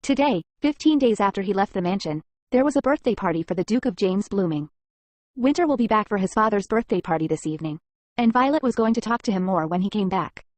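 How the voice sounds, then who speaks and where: A woman narrating a comic story recap in an even, plain reading manner. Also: medium pitch, fast talker, no echo.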